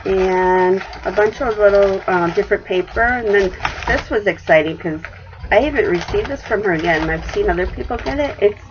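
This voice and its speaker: A woman's voice: medium pitch, moderate pace, muffled recording, noisy background. A middle-aged woman chatting casually as she shows off crafting mail in her craft room, rambling with many fillers. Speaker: craft vlogger. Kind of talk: casual show-and-tell chat. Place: craft room at home, indoors.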